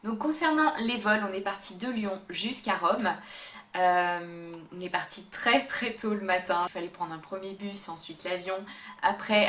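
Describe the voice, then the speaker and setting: A woman's voice: mid-range voice, a bit bright. A woman vlogger chatting to the camera in a casual, upbeat way about travel tips, often hesitating mid-sentence. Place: indoor room, talking to camera. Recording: roomy echo with faint background hum.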